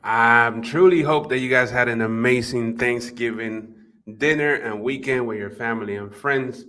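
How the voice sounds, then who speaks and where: A man's voice: medium pitch, moderate pace, a bit bright. A man with a Spanish accent hosting a live marketing webinar from his office, chatting with viewers by name with plenty of fillers. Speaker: livestream host and marketing coach. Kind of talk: live webinar, casual chat. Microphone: desk microphone at computer.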